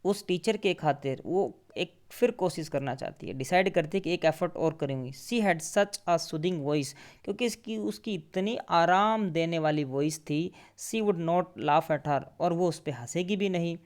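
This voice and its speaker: A man, a teacher, reads each textbook line very slowly and then explains it in quicker conversational speech. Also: fairly high pitch. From India. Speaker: English teacher.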